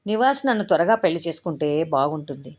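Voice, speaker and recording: A woman's voice: deep voice, expressive, fast, darkish tone. A woman voicing a frightened, tearful young woman. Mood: anxious musing. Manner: timid, faltering.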